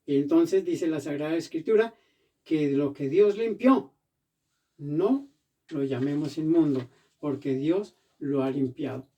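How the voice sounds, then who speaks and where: A man preaching a sermon as pastor in a church, animated and acting out the voices he quotes. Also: on the high side, measured pace, recorded from a distance.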